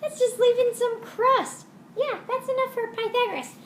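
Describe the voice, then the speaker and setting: A cheeky, greedy little puppet character, acted out by a woman in a children's lesson skit. The voice is squeaky, childlike and far up in pitch. It sounds in an echoey room with faint noise. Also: normal speed. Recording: roomy echo with faint noise.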